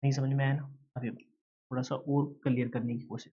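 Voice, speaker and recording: A man's voice: medium pitch, little pitch movement, fairly quick, dark tone, highs cut off. A male teacher giving a lecture, who asks questions and answers them himself and calls his students "beta". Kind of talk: classroom lecture.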